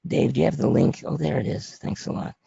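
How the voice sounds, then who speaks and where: A man with a raspy, papery, hoarse voice presenting an informal slide lesson as an instructor, plain-spoken and conversational. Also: mid-range voice, steady tone, brisk, mellow, dry recording. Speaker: trading instructor presenting a webinar. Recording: dry, muffled lo-fi audio.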